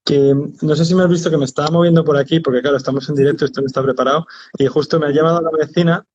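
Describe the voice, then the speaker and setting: A man hosting a casual live video chat, relaxed and talkative, with some mild swearing. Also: on the high side, rapid-fire, husky, dull audio. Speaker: host.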